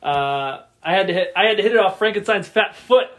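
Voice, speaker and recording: A man's voice: high voice, lively intonation, brisk, a bit bright. A man chatting casually on a podcast, retelling favorite movie scenes, laughing often and acting out quoted lines. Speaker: podcast co-host. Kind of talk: casual chat about movies.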